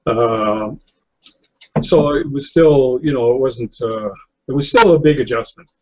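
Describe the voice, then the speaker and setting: A man's voice: medium pitch, measured pace, darkish tone. Rambling man on a lo-fi video call. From New England, US. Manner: rambling, many fillers and restarts, chuckles often. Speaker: guest photographer. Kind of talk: casual interview conversation. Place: indoor room, seated in office chair. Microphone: webcam on a video call. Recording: slightly lo-fi video call audio.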